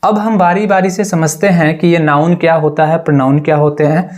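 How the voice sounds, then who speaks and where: A male teacher giving a grammar lesson, asking rhetorical questions and answering them himself, repeating key words slowly. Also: a little high, steady tone, darkish tone. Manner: repeats each word slowly and deliberately. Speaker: English teacher.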